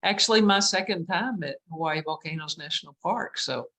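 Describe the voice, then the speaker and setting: A woman with a West Texas accent, a painter being interviewed over a video call, who talks in a self-deprecating way with halting restarts. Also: on the low side, fairly bright tone, poor audio. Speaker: guest painter. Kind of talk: casual interview chat.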